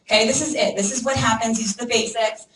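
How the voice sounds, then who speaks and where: A woman giving a lively training talk to a room of people, checking in constantly with "okay?" and "right?". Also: a little high, fast talker, background noise. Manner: energetic, acts out prospects' voices, frequent "okay?" and "right?". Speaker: network marketing trainer. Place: meeting room with an audience. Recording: echoey room, mic from far off.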